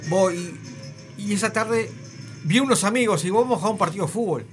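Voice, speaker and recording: A man's voice: high-pitched, a little fast, faint music behind. A man hosting a radio show, telling a story in a rambling, emphatic way with lots of filler words. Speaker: radio host. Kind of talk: casual radio banter.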